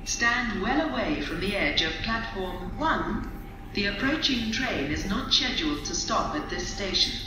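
A woman's voice making automated station announcements over a platform loudspeaker, clipped and evenly paced. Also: medium pitch, lively intonation, unhurried, music in the background. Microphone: recorded from the platform. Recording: echoey platform, far off, noisy.

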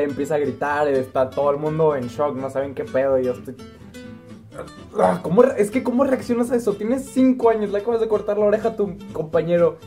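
A young man with a Mexican accent tells a childhood story to camera in a vlog, jumping from near-whispers to loud outbursts. His voice is mellow and relaxed, with faint guitar music in the background. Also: fairly high pitch. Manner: animated, jumps between hushed asides and loud exclamations. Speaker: vlogger.

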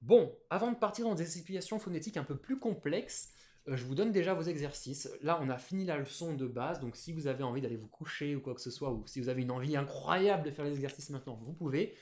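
A man's voice: fairly high pitch, quick pace, a little mellow. A man teaching a Japanese lesson on a live stream, explaining patiently with many fillers.

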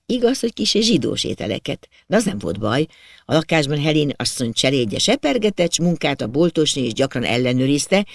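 A man reading a novel aloud as an audiobook narrator, in steady storytelling narration. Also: fairly high pitch, gravelly, no echo, clean studio sound. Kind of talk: scripted literary narration.

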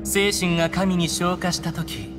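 A man's voice: high-pitched, fairly even intonation, over music. A man voicing an arrogant young newborn god in a mechanical body, with a haughty, theatrical delivery for an anime-style game. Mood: lofty disdain. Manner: haughty, theatrical, contemptuous, deliberate. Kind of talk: Japanese anime game voice acting.

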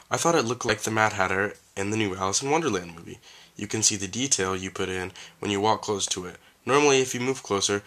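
Guy with a cold doing a casual vlog, stuffy voice, bright tone, goofy while reading stuff out. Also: on the low side. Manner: playful, jokey asides while reading. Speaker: vlogger host. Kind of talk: casual chat, reading letters aloud.

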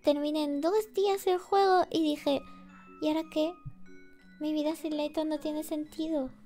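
Very high-voiced cutesy woman streamer. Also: flat delivery, moderate pace. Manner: cutesy, giggly, sleepy and soft-spoken. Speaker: VTuber streamer. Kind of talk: relaxed casual chat with viewers. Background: faint music.

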